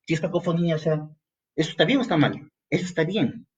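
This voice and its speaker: Fast and fairly high-pitched, this Peruvian-accented man's voice is muffled in the recording as he leads an exam-prep grammar lesson for entrance exams. He's animated, speaks straight to the student, and sometimes mimics the student asking questions.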